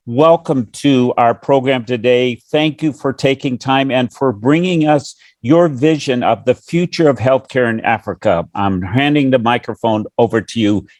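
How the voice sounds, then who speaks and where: A man's voice: medium pitch, normal speed, few pauses, darkish tone, dry recording. A man moderating a virtual conference, politely introducing and welcoming a guest speaker over a video call. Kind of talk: formal introduction.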